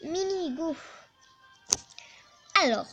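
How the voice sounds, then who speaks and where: A woman giving casual, excitable let's play commentary, chatting to her team and swearing at opponents. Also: very high-pitched, extremely slow, highs cut off, faint music behind.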